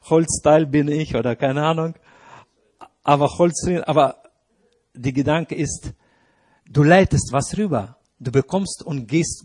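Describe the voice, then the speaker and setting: Husky-voiced man preaching with rising emphasis. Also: on the high side, a little mellow. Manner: earnest, hesitant with restarts and fillers, rises when stressing points. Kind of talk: sermon.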